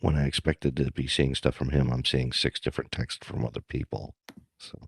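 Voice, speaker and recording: A man moderating a panel over a video call, relaxed and joking about his radio voice. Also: a bass voice, normal speed, gravelly, husky, no echo, clean studio sound. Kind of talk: casual video-call chat. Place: room at home with a ceiling fan. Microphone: computer mic on a video call.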